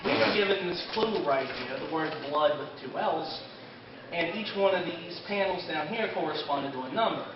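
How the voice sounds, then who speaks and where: A man whose voice sits on the high side, animated and at normal speed, hosts an informal anime panel at a convention, narrating the plot to the crowd as if he lived it. Recorded indoors on a distant camera mic, the sound is roomy, dull and noisy, with the audience audible.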